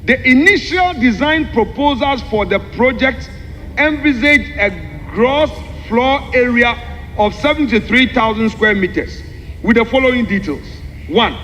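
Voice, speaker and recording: Male parliamentarian, very high bright voice, emphatic and deliberate formal address, echoing hall. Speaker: member of parliament. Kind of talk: formal parliamentary speech, explaining a document point by point. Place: large parliamentary chamber. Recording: echoey hall with long reverb, background noise.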